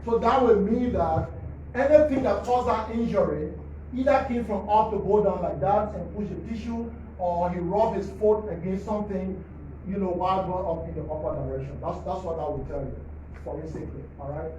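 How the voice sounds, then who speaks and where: In a government press briefing hall, a male forensic pathologist from Liberia goes over autopsy slides for the press in a teacherly way, pausing to ask "all right?" after each point. His high voice is warm and moderately paced. Slight background noise comes through a distant mic, and the hall sounds echoey and muffled.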